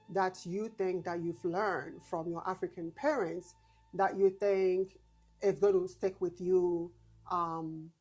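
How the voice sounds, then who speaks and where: A woman interviewing casually, encouraging and often rephrasing her questions as she goes. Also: lowish voice.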